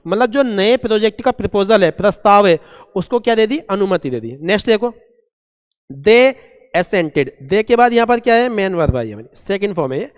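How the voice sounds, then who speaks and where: A man teaching a vocabulary lesson, asking and answering his own questions and reading English examples out slowly. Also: high-pitched, lively intonation. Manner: asks and answers his own questions, calls students "beta". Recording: long echoing reverb.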